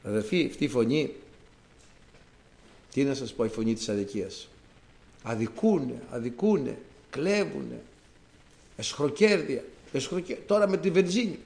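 A man from Greece preaching a sermon to his congregation, talking in an animated way and rising to emphatic outbursts. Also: mid-range voice, gravelly, long pauses.

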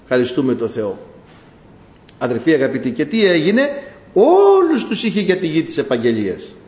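A man preaching a sermon, lively and animated, acting out the voices of the people he talks about. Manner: animated, acts out voices of people and God in rising pitch. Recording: echoey hall.

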